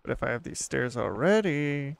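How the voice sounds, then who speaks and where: A man's voice: mid-range voice, expressive, normal speed, vocal fry, slight background noise. A man casually commenting to himself while playing a video game, with hummed tunes and little sound effects. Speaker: gaming channel host. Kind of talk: relaxed gameplay commentary.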